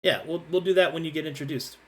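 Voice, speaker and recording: A man's voice: fairly high pitch, fairly even intonation, fast talker. A man running a tabletop game as game master, chatting casually and animatedly with his players and swearing freely.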